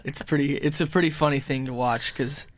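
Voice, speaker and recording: A man's voice: mid-range voice, fairly even intonation, brisk, dry recording. A young man, a band member guest on a radio interview, chatting easygoingly and often repeating words as he starts. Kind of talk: casual interview chat.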